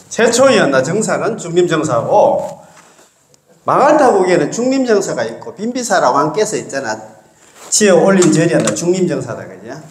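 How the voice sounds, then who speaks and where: Folksy lecturing monk in an echoey room. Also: male voice, high voice, darkish tone, slight background noise. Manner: folksy, keeps asking the class to agree. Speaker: Buddhist monk teaching a class. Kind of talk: casual classroom lecture.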